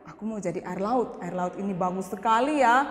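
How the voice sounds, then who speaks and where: A woman's voice: mid-range voice, a little fast, voice pushed down, natural voice. Woman voicing a whiny, restless storybook wisher. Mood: wishful. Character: restless person wishing to be something grander. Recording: echoey chapel hall.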